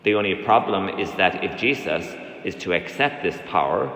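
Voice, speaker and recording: A man, a priest giving a measured sermon with occasional hesitations in a large church. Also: sits low, animated, a bit bright. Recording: echoey church from a distance.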